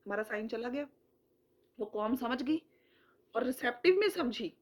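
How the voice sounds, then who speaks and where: A woman in her thirties, a mother giving earnest home speech tips in a casual vlog, stretching out sounds slowly to demonstrate them. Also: a little high, lively intonation. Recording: dull lo-fi sound.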